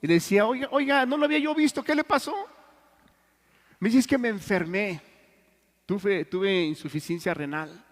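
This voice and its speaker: A man preaching a sermon in Mexican Spanish, telling stories earnestly and swinging between loud and hushed. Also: high voice, normal speed, long pauses. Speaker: pastor. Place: church hall. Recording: long church reverb.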